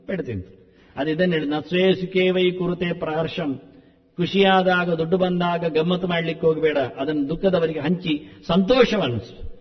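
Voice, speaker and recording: A man giving a spoken discourse, chanting verses and explaining them with animated rhetorical questions. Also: sits high, big-room sound, lo-fi sound. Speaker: scholar giving a discourse on the Mahabharata.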